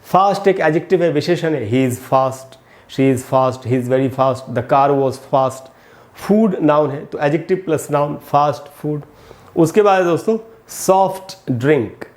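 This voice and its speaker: A man's voice: on the high side, darkish tone. A man teaching English grammar to viewers in Hindi, explaining patiently and repeating each term, and he addresses the audience as friends again and again.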